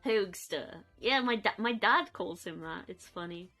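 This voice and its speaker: A young woman chatting casually on a live stream from her bedroom, soft and rambling, cooing at her pets. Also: mid-range voice, animated, unhurried, faint music behind.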